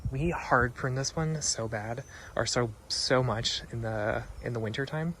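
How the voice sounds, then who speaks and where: A man's voice: mid-range voice, a little slow, poor audio. A man giving a casual, enthusiastic tour of a client's garden, gushing over the plants with lots of ums. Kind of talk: casual walkthrough vlog. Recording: loud wind and traffic noise outdoors.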